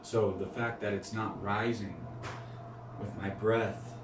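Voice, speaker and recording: A man making a hesitant, halting, self-critical confession. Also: lowish voice, little pitch movement. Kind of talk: emotional confession. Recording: echoey room from far off, noisy.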